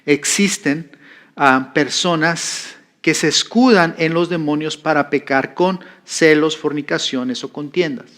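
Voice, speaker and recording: A man's voice: a little high, measured pace, fairly bright tone. Conversational preacher man teaching a class. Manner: conversational, repeats phrases for emphasis. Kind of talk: sermon teaching.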